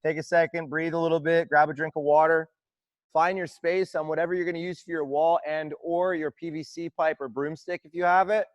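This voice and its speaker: A man's voice: on the high side, fairly quick, no room sound, muffled recording. Upbeat male fitness coach counting reps. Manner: encouraging, counts reps loudly in a steady cadence. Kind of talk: live online workout class instruction. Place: gym.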